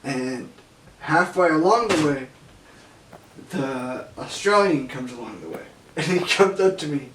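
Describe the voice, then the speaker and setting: Slow-talking young man, echoey and distant. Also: a little high, sing-song, fairly bright tone. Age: young adult. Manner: laughs often, profane, loose retelling. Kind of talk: casual storytelling interview. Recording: echoey room, mic far off, faint hiss.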